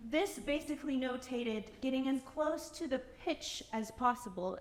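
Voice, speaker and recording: A woman singer explaining how she performs a spoken vocal part to a concert audience, with lively demonstrations. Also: high voice, echoey room, big-room sound. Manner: animated, demonstrates by speaking and singing.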